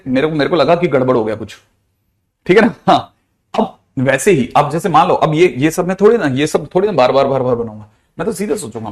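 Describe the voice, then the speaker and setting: A man, a physics teacher giving a chatty, playful lecture. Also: fairly high pitch. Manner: chatty, playful, with mixed Hindi-English math terms.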